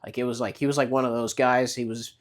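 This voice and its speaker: A man's voice: mid-range voice, flat delivery, quick pace. Rambling young man giving life advice. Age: 20s. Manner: rambling, many fillers like "right?" and "like"; frequent restarts and repeated words. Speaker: vlogger. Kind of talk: casual motivational monologue.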